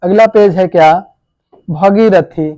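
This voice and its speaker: A man's voice: high voice, slow pace, warm tone, dry recording. A man teaching correct spelling for exams. He asks questions and answers them himself, and calls his students "babu" and "bhai". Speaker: coaching teacher. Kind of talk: exam-prep spelling lesson.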